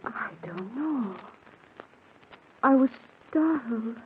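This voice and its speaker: Coy, willful possessed wife. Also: female voice, on the high side, expressive, unhurried. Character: young wife possessed by her scheming sister. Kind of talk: 1940s radio acting. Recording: tinny old radio broadcast, faint hiss.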